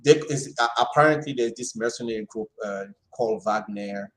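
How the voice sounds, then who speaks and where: Brief: male co-host, lowish voice, hesitant, restarts often. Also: a little fast, fairly bright tone, rough recording. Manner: hesitant, many fillers and restarts. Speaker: podcast co-host. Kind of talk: casual panel discussion.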